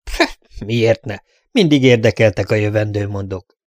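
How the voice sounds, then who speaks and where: A man's voice: on the low side, no room sound, studio quality, close to an everyday voice. A man voicing a stern older lord who speaks firmly and curtly in an audiobook. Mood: casual. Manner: firm, curt.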